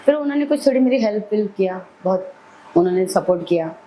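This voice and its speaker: A woman's voice: medium pitch, lively intonation, fast talker, mellow, slight background noise, poor audio. A middle-aged woman, a podcast guest telling her life story vividly. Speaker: celebrity hair stylist, podcast guest. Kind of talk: personal storytelling in an interview.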